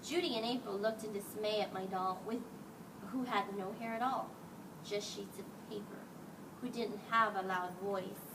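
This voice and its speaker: With a medium pitch and a steady tone, a woman reads to children at a moderate pace, expressively voicing the characters as their teacher. Background noise is obvious, and the mic sits at a distance.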